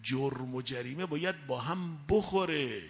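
A man preaching a sermon, slow and measured, with sudden loud emphatic rises. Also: on the high side. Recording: echoey hall reverb.

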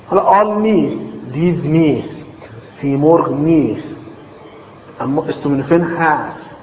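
A man teaching a logic class, dictating terms slowly and then explaining them with quick everyday examples. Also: on the high side. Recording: echoey, dull hall recording with faint hiss.

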